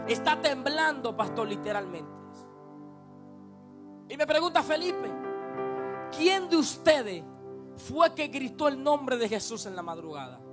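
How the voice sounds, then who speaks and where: A man preacher telling a testimony in a sermon, building from quiet storytelling to fervent shouted preaching. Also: sits high.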